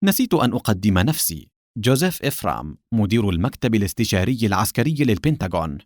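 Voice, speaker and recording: A man doing a sly, smug gentleman from an audiobook, coldly polite and smooth. His voice sits low and moves lively up and down. The sound is dry and close. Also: quick pace, no room sound. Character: smug, sly older male collector and official.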